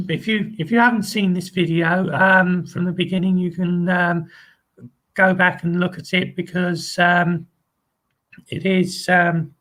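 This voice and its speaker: High and fairly bright, the voice belongs to an Englishman chatting casually on his own channel's live video. He hesitates often, restarting sentences, saying um a lot and circling back to the same friendly phrases.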